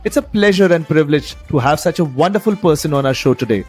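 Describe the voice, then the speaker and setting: A man hosting a podcast interview in a formal, effusive way, warmly praising his guest. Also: fairly high pitch, expressive, fast, husky, soft background music. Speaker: podcast host.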